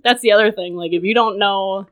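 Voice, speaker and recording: Her mid-range, fairly bright voice moves fairly quickly as she recounts a personal story on a casual podcast. English is her first language, and she's chatty, leaning on "like" and laughing often.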